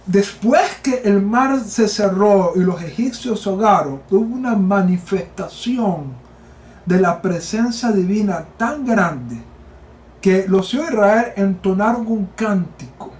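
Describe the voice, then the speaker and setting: A man giving a Torah sermon, slow and emphatic, repeating key phrases and rising to near shouts. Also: high voice, expressive, roomy sound. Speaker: teacher of Torah.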